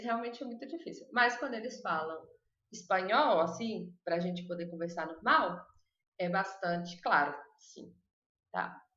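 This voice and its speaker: A Brazilian woman teaching Spanish in a live online lesson, chatty and drilling words slowly, with a Brazilian accent. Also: mid-range voice, fairly bright tone. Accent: Brazilian Portuguese. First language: Portuguese. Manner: chatty, repeats words slowly for students to copy. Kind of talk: live online lesson, reading chat questions. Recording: echoey room, dull lo-fi sound.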